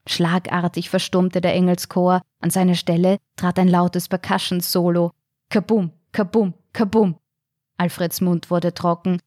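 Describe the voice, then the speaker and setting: A woman reading a story aloud in a measured, calm storytelling manner. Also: fairly low pitch, no room sound, studio quality. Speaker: narrator. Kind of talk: audiobook narration.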